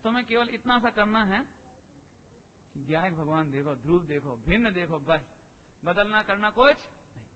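A man preaching a sermon to an assembly, lively and full of rhetorical questions to his listeners. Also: high voice, normal speed, long pauses. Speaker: Jain preacher. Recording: echoey hall, dull lo-fi sound.

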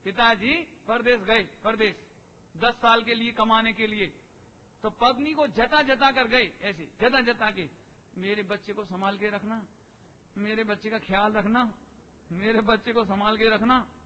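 A man preaching a sermon to an assembly, lively and full of rhetorical questions to his listeners. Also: high voice, a little slow. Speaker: Jain preacher. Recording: echoey hall, dull lo-fi sound.

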